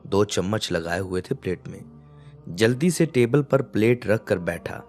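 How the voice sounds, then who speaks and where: A man calmly narrating a scripted domestic story. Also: lowish voice, unhurried, soft background music.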